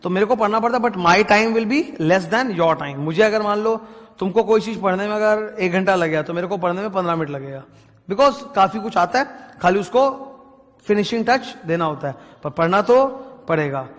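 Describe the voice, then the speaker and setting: A man, teaching a class. He dictates definitions slowly and keeps checking that students understand. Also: sits high, a bit bright, big-room sound. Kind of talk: lecture.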